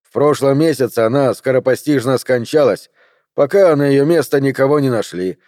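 A man reading aloud voicing a calm, unflappable small-town male official. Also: mid-range voice, moderate pace, dry recording, clean studio sound, natural voice. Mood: unruffled. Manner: calm and unruffled.

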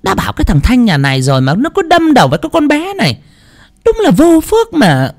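A shrill, spiteful older mother-in-law screeches her scolding insults in a very high voice. Her pitch leaps and swoops wildly from line to line. It is a dramatic told story. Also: huge pitch swings, fast talker, heavily acted. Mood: scornful.

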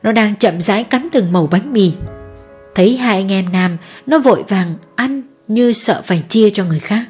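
A woman narrates an audiobook story in an even, steady voice. Her tone is husky and a little breathy. Faint music plays behind her. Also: mid-range voice, moderate pace.

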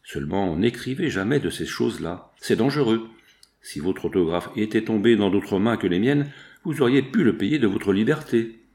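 A man reading aloud, voicing a cunning blackmailer who speaks calmly and mockingly. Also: lowish voice, normal speed. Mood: calm menace. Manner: calm, quietly mocking. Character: cunning, mocking male blackmailer, calm and smooth.

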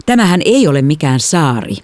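Stern gruff dad, as a woman reads him. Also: sits low, sing-song, a little mellow, no echo. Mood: warning. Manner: gruff, curt. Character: stern, overprotective father.

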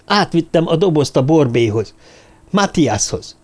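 A man reading aloud and voicing a volatile police lieutenant who presses slowly and flares into yelling. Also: fairly high pitch, big pitch swings, pitched above the performer's own voice. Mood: furious. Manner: slow, pressing, bursts into yelling. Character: hot-tempered male police lieutenant, volatile.

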